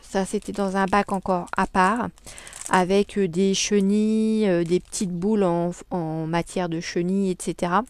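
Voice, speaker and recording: A woman's voice: medium pitch, steady tone, normal speed, clean tone, no echo. A woman chatting casually in a crafting haul vlog, hesitating often with many fillers. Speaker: crafting vlogger. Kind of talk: casual haul video chat.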